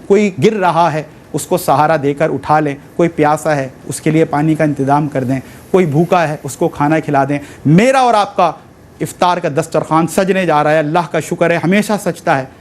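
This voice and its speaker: Male telethon host, earnest appeal, voice pitched a bit high. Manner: earnest, religious phrases, mixes in English. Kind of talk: charity appeal.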